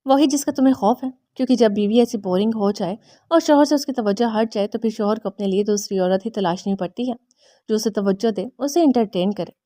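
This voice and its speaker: A woman's voice: medium pitch, mellow, no room sound, clean studio sound, natural voice. A woman reading the lines of a playful young husband who teases his wife. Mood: teasing. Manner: mischievous, bantering.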